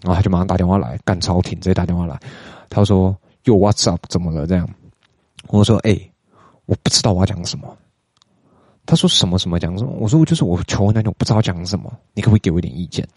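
A young man with a Taiwanese Mandarin accent hosting a podcast, chatting casually and getting animated as he retells a story, with slangy asides. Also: deep voice, fast talker, breathy edge, dry recording, clean studio sound. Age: young adult. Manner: chatty, animated when retelling, mixes in English words and Taiwanese swearing. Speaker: podcast host.

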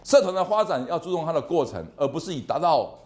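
A man lecturing to a university class in a lively, animated way, often repeating words and asking the class questions. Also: fairly high pitch, fast. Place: lecture hall.

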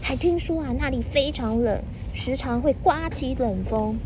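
A woman's voice: high voice, normal speed, noisy background, voice pushed up, lightly acted. A woman reading a storybook aloud as an anxious little child who pleads expressively with mother. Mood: fearful pleading.

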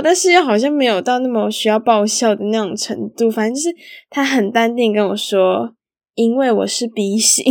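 A woman's voice: on the high side, dry recording, studio quality. A young woman hosting a solo podcast, telling stories in a chatty, giggly way with lots of casual fillers. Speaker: podcast host.

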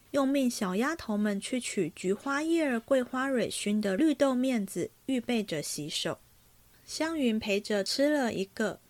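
A woman hosting a podcast, reading a classic novel aloud in a steady storytelling voice. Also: on the high side, no room sound.

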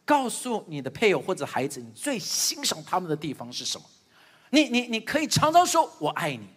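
A middle-aged man preaches from a church stage and tells family stories with lively voices for each person. His voice sits high and sounds slightly husky, and his pitch swings widely from line to line. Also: brisk, big-room sound. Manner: animated storytelling, acting out family dialogue. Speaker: pastor. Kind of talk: sermon.

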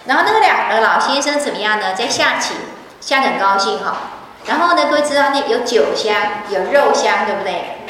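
A woman giving a lively storytelling lecture on a scripture, chatty, full of fillers and questions to the audience. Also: fairly high pitch, a little fast. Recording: echoey hall, far from mic, faint noise.

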